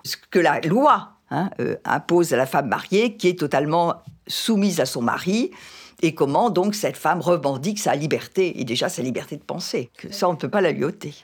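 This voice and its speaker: A woman with a fairly low voice that moves in animated swings, speaking as an interview guest. She explains literature and history fluently, dotted with hesitations. Her talk is conversational and informative. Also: normal speed, husky.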